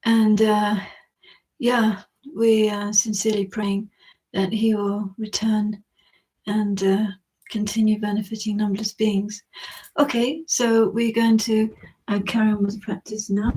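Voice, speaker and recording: A woman leading a Buddhist practice, speaking earnestly and in a measured way, softly announcing and reading prayers aloud inside an echoey cave. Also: mid-range voice, level tone. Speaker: leader of a Buddhist practice session. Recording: echoey cave, distant mic.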